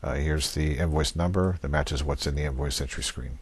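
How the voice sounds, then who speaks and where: This very deep male voice, with a breathy edge and normal speed, guides viewers through software on a screen recording. He goes methodically step by step in an unscripted, matter-of-fact manner.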